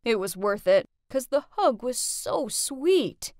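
A teasing young prankster, voiced by a woman narrator in an animated story, talking in a soft, reassuring way. The voice sits high and swings widely, recorded close and dry. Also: slow, no echo. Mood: tender.

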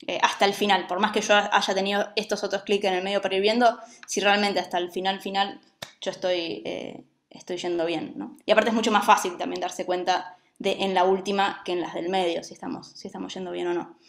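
A woman teaching a music lesson, who explains patiently and often checks that her students follow. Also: medium pitch.

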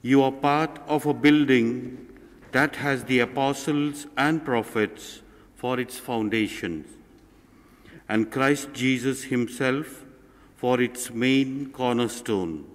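Church reader guy, slow solemn reading, big cathedral echo, long reverb. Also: mid-range voice. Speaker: lector. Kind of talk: scripture reading and psalm at Mass. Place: large church.

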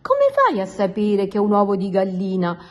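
A woman's voice: medium pitch, normal speed. A woman voicing a curious young female frog full of wonder in a children's storybook. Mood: puzzled. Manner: excited, wondering.

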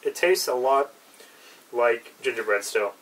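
A young man talks casually in an unscripted review, his medium-pitched voice lively in intonation and a little slow, laid-back and somewhat hesitant as he trails off. He's in a small, cluttered indoor room with a brick wall. The mic is distant and background noise is clearly audible.

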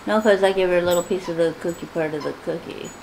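A woman's voice: on the low side, fairly even intonation, fast talker, gravelly, darkish tone, a little hiss or hum, poor audio. A woman co-hosting a casual video, playful and teasing. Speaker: co-host. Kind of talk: casual chat.

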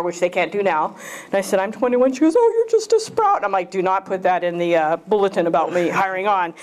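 With a mid-range voice, a fifty-something woman appears as a guest speaker before a club in a small lecture room. Her talk is laid-back and full of jokes, delivered into a handheld mic, with frequent questions thrown to the audience.

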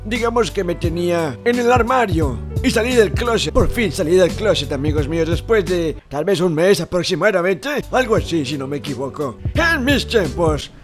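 A man's voice: sits high, lively intonation, moderate pace, few pauses. A man with a Mexican accent putting on a doddering, rambling, boastful old grandfather voice while commenting on a video game, easily confused and breaking into yelps. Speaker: gaming YouTuber. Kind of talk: comedic gameplay commentary in character. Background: background music.

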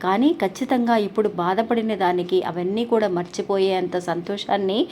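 A woman's voice: medium pitch, moderate pace, darkish tone, a little hiss or hum. A woman hosting a devotional channel, telling a story in an earnest, polite way with frequent restarts.

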